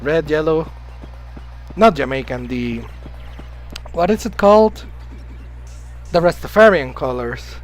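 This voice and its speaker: A man with a higher voice talks slowly, pausing often, with faint music behind on a rough recording. Live-streaming a video game, he chats and rambles casually, greets viewers and answers chat, and coughs occasionally since he's been sick. Spanish is his native tongue.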